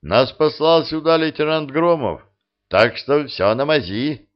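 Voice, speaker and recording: A man's voice: on the high side, animated, unhurried, lo-fi sound, voice pushed up. A man doing a jeering partisan sergeant. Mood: reassuring. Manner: jeering, loud. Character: brash mocking male partisan sergeant.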